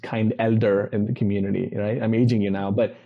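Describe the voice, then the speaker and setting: A man's voice: fairly low pitch, level tone, brisk, gravelly, narrow, tinny audio. A man hosting a podcast, talking in an effusive, earnest way with lots of casual fillers over a video call. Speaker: podcast host.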